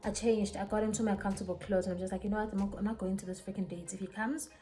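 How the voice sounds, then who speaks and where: Animated South African woman, mellow voice. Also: medium pitch, very fast. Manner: animated, code-switching, dramatic retelling. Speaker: vlogger. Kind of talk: casual storytime while getting ready.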